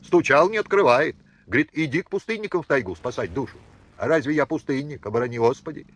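A scared young peasant soldier, voiced by a male reader, pleading and mumbling in rustic speech. His pitch rises and falls in anxious waves. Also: animated, fast, fairly bright tone.

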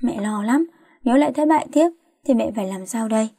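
A fussy, worried middle-aged mother who keeps nagging and scolding, as a woman reads her part. The voice sits fairly high and warm, and the recording is dry and close. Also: fast talker, dry recording.

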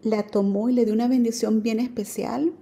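A woman's voice: on the high side, steady tone, moderate pace, gravelly, warm tone. A woman telling her personal faith story as a radio guest, earnest and full of fillers. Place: radio studio.

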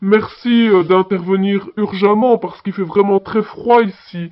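Belgian French man, high voice, chatty answering machine message, muffled audio. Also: fairly even intonation, a little slow. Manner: chatty, fillers like voilà and hein. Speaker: caller. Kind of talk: phone message in a listening exercise.

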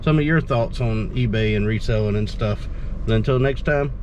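A man's voice: mid-range voice, normal speed, darkish tone. Folksy man talking while driving. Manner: folksy, rambling, repeats himself. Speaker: reseller vlogger. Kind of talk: casual chat. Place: car, driving. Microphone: dash-mounted camera. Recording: car road noise. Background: road noise.

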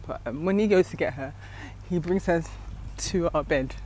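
A woman's voice: on the low side, normal speed, darkish tone. A young woman chatting casually as she walks outdoors, rambling and confiding, recorded on a wired earphone mic. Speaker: vlogger, mother. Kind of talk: casual walking vlog chat. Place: outdoors on a city street. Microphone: wired earphone mic, phone at arm's length. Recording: street noise and passing traffic.

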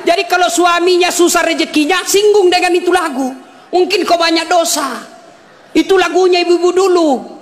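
A male preacher giving a humorous sermon, teasing his audience, shouting at times and crooning bits of songs. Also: very high voice, normal speed. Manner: animated, teasing, swings between shouting and crooning song snippets.

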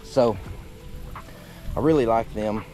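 A man's voice: on the low side, slow, darkish tone, faint music behind. A man, talking casually and in a rambling, folksy way about his fishing gear from a kayak on a lake. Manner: laid-back, rambling, folksy. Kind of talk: casual outdoor gear talk. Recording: noisy outdoor audio.

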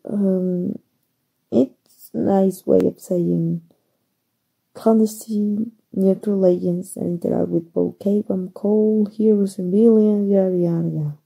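In an ASMR roleplay, a female voice actor plays a flustered, soft-hearted young heroine. She stammers hesitantly in a soft, husky, mid-range voice with a Mexican accent, and the recording is rough.

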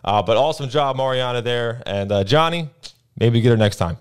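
A young man with a New Jersey accent, co-hosting a casual fishing report chat, relaxedly narrates his weekend trips with plenty of "uh" and "um." His delivery is smooth and a little fast, into an arm-mounted boom mic with headphones on, in a small indoor studio with a brick wall.

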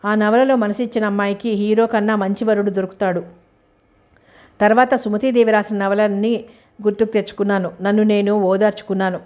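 A woman's voice: medium pitch, fairly even intonation, a little fast, darkish tone. Woman narrating a novel audiobook. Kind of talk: first-person novel narration.

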